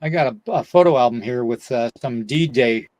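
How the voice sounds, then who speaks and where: A man's voice: medium pitch, moderate pace, darkish tone, no echo. An older man hosting a podcast in casual, folksy, rambling chat, slightly short of breath. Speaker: podcast host.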